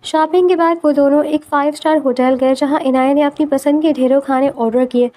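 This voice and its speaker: In a high register with a mellow, warm tone, a woman reads a romance novel aloud. Her delivery is steady and expressive, like a scripted audiobook narration.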